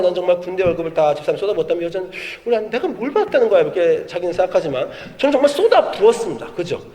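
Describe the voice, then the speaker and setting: A middle-aged man preaching a sermon as pastor, telling stories with lively, acted-out quotes. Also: high-pitched. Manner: animated storytelling, acts out quoted voices. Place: church sanctuary. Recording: long hall reverb.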